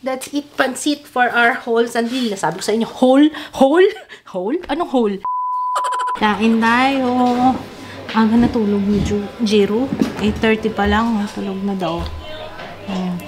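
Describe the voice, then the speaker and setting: A mother chatting casually to her viewers, giggling often and slipping in English phrases. Her voice sits fairly high. The recording has clear background noise. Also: steady tone, measured pace. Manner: chatty, giggly, switches between Tagalog and English. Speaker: vlogger. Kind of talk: casual vlog chat.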